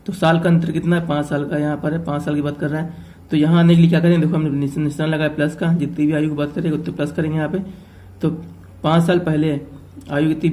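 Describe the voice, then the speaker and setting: A man teaches an exam-prep math lesson. His voice sits a little high and stays flat in tone, with a mellow, dark color. He talks it through step by step and keeps checking in with his students. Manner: explains step by step, often checking with "ठीक है".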